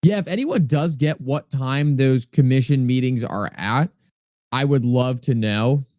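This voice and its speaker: A man with a New England accent hosts a live stream, chatting casually, reading viewer comments aloud and thanking people by name as he answers chat. His mid-range voice is unhurried and darkish, recorded with no echo.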